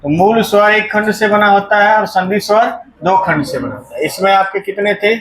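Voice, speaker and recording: A man's voice: high-pitched, normal speed, a bit bright, a little hiss or hum. A male teacher giving a grammar lesson in a classroom. He asks the class questions and often answers them himself, repeating the key terms. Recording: echoey classroom.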